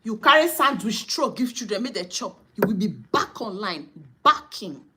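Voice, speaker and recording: A woman's voice: mid-range voice, sing-song, moderate pace, noisy background. A Nigerian woman vlogger giving indignant, scolding commentary, mixing English and Pidgin.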